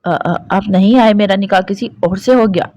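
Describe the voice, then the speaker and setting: A woman's voice: medium pitch, moderate pace, a little mellow, no echo, lo-fi sound, natural voice. A woman voicing a frightened young bride who stammers and pleads in a raised, shaky voice.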